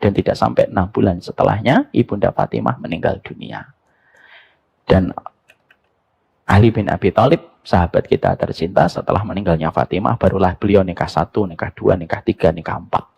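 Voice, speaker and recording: Male preacher, animated sermon delivery, gravelly texture, playful rhetorical questions. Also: low-pitched, a little fast. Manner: animated storytelling, mixing jokes and rhetorical questions. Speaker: Islamic preacher.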